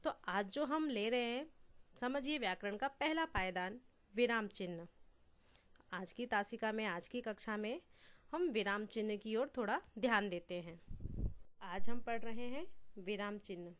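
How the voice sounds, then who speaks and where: A woman teacher giving an online Hindi grammar lesson to her students, explaining slowly and repeating her examples. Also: mid-range voice, a bit bright.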